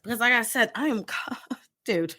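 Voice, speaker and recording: A middle-aged woman, a therapist co-hosting a podcast, chatting casually and telling stories with lively quoted asides. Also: a little high, moderate pace. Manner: animated, storytelling with quoted asides. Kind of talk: casual chat.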